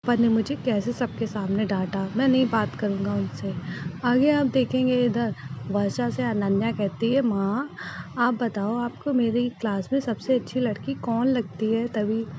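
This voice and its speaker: Woman, fairly high voice, storytelling recap, dull lo-fi sound, noisy background. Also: steady tone, normal speed. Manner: storytelling, reads characters' lines in plain voice. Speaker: YouTuber recapping a TV serial. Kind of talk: casual spoken recap.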